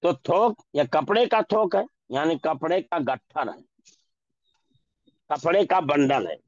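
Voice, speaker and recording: Slow, drilling male language teacher. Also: on the high side, expressive, no echo, muffled recording. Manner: slow, repeats example words and phrases for drilling. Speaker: Urdu teacher. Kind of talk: classroom language lesson.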